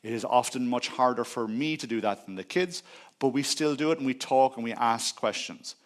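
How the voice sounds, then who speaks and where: A man's voice: medium pitch, moderate pace. Earnest middle-aged man giving a talk. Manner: earnest, personal storytelling. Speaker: conference speaker. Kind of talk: conference talk. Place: conference stage.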